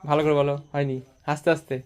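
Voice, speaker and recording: A woman speaks in a low voice at a brisk pace. She coaxes and teases a child in casual chat, pressing her gently to play along. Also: little pitch movement, clean tone, soft background music. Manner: coaxing, teasing.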